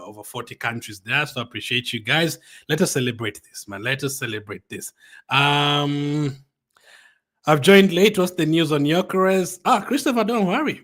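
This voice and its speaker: A man hosts a fan live stream and reads out viewer comments. His voice sits at an ordinary middle pitch, and he speaks excitedly and loosely, filling gaps with "um" and "man". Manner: excited and chatty, with frequent "um" and "man". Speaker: fan channel host.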